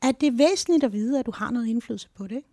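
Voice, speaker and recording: A woman co-hosting a podcast, explaining mood psychology in a lively, talkative way, often ending with tag questions. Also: on the high side, dry recording, clean studio sound. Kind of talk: casual explanatory chat.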